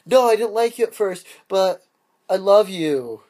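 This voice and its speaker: A man's voice: high voice, animated, unhurried, a little mellow, pitched above the performer's own voice. A man voicing a brash young woman treasure hunter in a gushing, over-the-top way.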